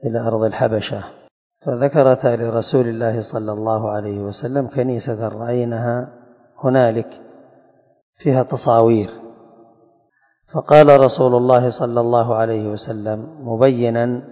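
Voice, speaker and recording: A man giving a religious lesson, reading chains of narrators and explaining them slowly, and asking his students questions. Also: medium pitch. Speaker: hadith teacher. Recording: dull echoey hall recording.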